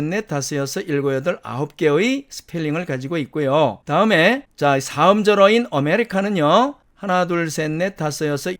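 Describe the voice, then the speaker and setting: High-voiced male lecturer, counting methodically. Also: fairly bright tone. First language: Korean. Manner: methodical, counts items aloud one by one. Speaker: English pronunciation teacher. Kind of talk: slide-based lecture.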